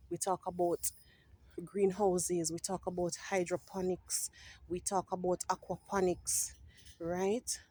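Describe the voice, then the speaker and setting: A woman giving a passionate walking tour of a greenhouse, often adding "right?" to her points and clearing her throat now and then. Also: lowish voice, warm tone. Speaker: farm project representative. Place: inside a greenhouse.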